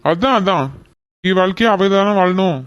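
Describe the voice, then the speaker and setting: A woman's voice: mid-range voice, normal speed, smooth, lo-fi sound, lightly acted. A woman voicing a fair-minded middle-aged father in a cartoon who reasons with his wife. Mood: reasoning. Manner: reasoning, gently firm.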